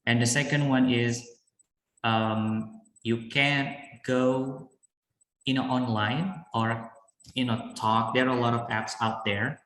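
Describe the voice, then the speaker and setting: Answering questions as a guest in a live online class Q&A, an Indonesian man speaks in a steady tone with a medium-pitched, slightly bright voice. The room is echoey. His speech is halting, marked by frequent fillers and restarts.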